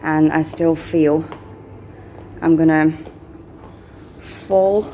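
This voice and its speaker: A woman narrates a casual handheld vlog as she tours a hotel. She speaks slowly and haltingly, in an unscripted, chatty way. Faint ambient noise of the hotel sits behind her voice. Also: deep voice, fairly even intonation, dark tone. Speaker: vlogger touring a hotel. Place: small hotel room, later the hotel lobby, corridors and elevator. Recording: noisy handheld recording with background ambience.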